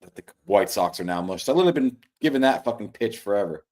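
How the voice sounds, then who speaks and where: Blunt, deadpan male betting podcaster. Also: fairly low pitch, fast talker. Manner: blunt, dismissive, deadpan teasing. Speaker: sports betting podcast co-host. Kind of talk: casual chat.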